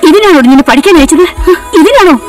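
An actress playing a resentful, sharp-tongued middle-aged mother in dubbed film dialogue. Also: extremely high pitch, lively intonation, fast. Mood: angry scolding. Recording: distant mic, loud film music behind.

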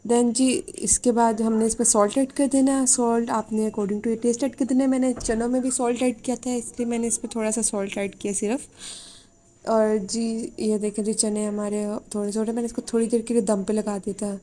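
A woman's voice: on the high side, level tone, normal speed, dark tone. A woman from Pakistan, hosting a cooking channel in a chatty, instructive voice-over and mixing in English words. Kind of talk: casual recipe voice-over. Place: home kitchen.

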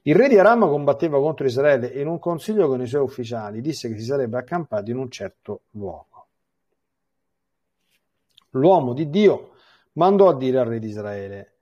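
Brief: male priest, warm dark husky tone, teaching scripture with animated readings and repeated restarts. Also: mid-range voice, dull audio. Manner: repeats words and restarts phrases. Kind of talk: biblical catechesis with scripture reading.

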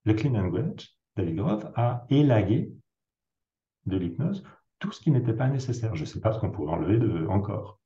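A man with a low, very dark voice talks through clinical cases as an interview guest. He explains step by step and pauses often to search for words, while his pitch moves expressively. The recording sounds roomy and a little dull, like a lo-fi room capture. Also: sing-song. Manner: explains with worked examples, frequent hesitations. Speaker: psychiatrist guest.

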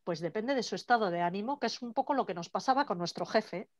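A woman runs an online workshop over a video call. She talks in a lively, conversational way and acts out the lines she quotes. Her voice sits at an ordinary pitch, with a dry, close sound. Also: fast talker, no echo. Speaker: workshop trainer.

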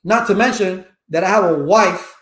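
A home-office livestream, a desk webcam, an echoey room: a network engineering educator, Cuban-born and in his fifties, Spanish his first language, talks casually and animatedly to viewers. His voice is high-pitched at normal speed, and he gestures a lot and leans on rhetorical questions.

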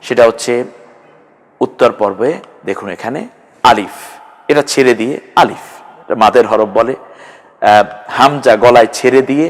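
A man's voice: lowish voice, a little slow, long pauses. A man teaching a Quran class, patiently drilling Arabic letters one at a time and modelling their pronunciation. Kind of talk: online Arabic letter lesson. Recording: long hall reverb.

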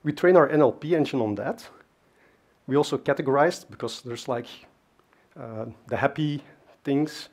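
Standing on a large, dark conference stage, a man whose first language is Dutch gives an informal technical talk, chatty and full of fillers and asides. His mid-range voice is a little mellow and moves at a normal speed.

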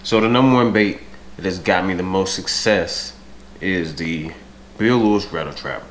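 On a low-quality recording with slight background noise, an American fishing vlogger in his thirties talks casually to camera in his home dining room with large windows. His low, fairly bright voice is stuffy, nasal and congested from a cold, he speaks at a moderate pace, and he clears his throat often.

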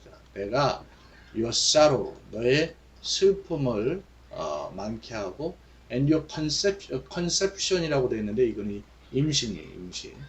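A man teaching English Bible verses, reading each line slowly and then explaining it in Korean with many fillers. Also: medium pitch, sing-song.

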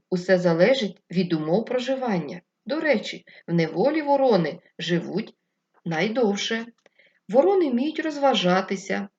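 A Ukrainian woman teaching first graders, slowly dictating words and repeating them syllable by syllable. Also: mid-range voice, a little mellow, highs cut off. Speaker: primary school teacher.

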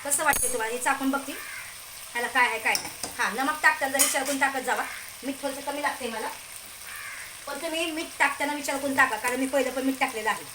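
A woman's voice: high-pitched, fast talker. A woman with a Marathi accent hosting a home cooking video, chatting casually and checking in with viewers as she cooks. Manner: chatty, keeps asking "okay?" and telling viewers to look. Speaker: home cooking channel host. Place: home kitchen. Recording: echoey kitchen with cooking noise. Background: sizzling pan and clattering pots.

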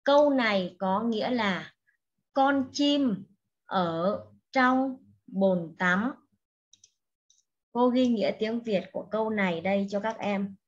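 A woman teaching an English lesson to young children, speaking slowly and patiently and repeating each word for the class to echo. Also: medium pitch, slightly rough, dull audio. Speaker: primary school English teacher.

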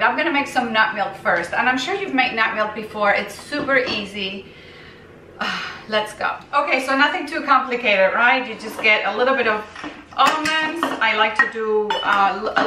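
A woman's voice: on the high side, bright, forceful tone, a little hiss or hum. A woman vlogger chatting and rambling as she shows a recipe in her home kitchen. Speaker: raw vegan recipe vlogger. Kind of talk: casual kitchen demo. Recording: echoey kitchen, mic at a distance.

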